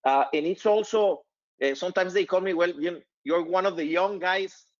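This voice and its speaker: A man, hosting a casual panel chat over a video call and speaking in a measured way with many fillers. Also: high voice, highs cut off. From northern Mexico. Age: 50s. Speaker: company CEO and host.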